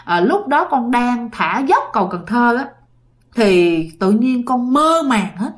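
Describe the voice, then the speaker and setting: A woman with a Southern Vietnamese accent speaking as the ghost of a young man who talks gently and consolingly to his family. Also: on the high side, very animated, slow. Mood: pleading.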